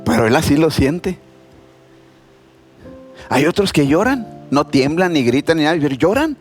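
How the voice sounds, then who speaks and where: Pastor preaching over soft music. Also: male voice, on the high side, normal speed. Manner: conversational, animated storytelling with voiced quotes. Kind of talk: sermon. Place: church.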